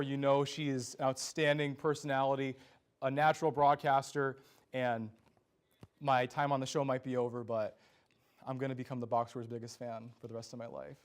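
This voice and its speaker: A young man hosting a student sports news show, speaking in an earnest, scripted anchor delivery. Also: mid-range voice. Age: young adult.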